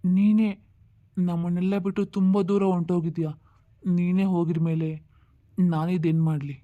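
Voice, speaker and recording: A woman's voice: on the low side, level tone, normal speed, narrow, tinny audio, natural voice. A woman doing a sorrowful, resigned father. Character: sad father letting daughter go. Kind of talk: comedy skit acting.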